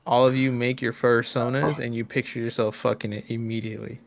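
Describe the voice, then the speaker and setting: A man's voice: mid-range voice, level tone, fairly quick, vocal fry. A man co-hosting a casual group reaction podcast, blunt and mocking with plenty of profanity. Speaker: podcast co-host.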